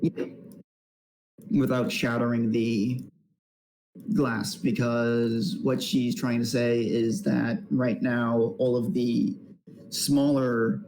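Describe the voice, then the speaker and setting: Slow, gravelly-voiced male game master. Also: mid-range voice, little pitch movement, a little mellow, slight background noise. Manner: halting, lots of restarts. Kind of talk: explaining a tabletop game.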